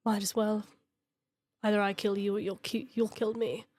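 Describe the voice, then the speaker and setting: A woman voicing a hardened, bitter male clone soldier in a tabletop role-play, reaching for a gravelly voice that drops to whispers. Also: level tone, normal speed, darkish tone, natural voice. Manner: tries a gravelly low voice, slips into whispers.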